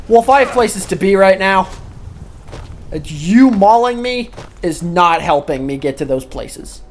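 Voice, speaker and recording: A woman hosting a let's play, cursing and yelling in exasperation at the game's characters. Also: on the low side, expressive, slow pace, long pauses, a little hiss or hum. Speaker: gaming video host.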